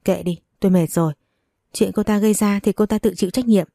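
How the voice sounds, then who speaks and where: A woman's voice: mid-range voice, steady tone, a little fast, creaky, dark tone, no echo, studio quality, natural voice. Woman voicing a cold, curt young husband. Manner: curt and dismissive.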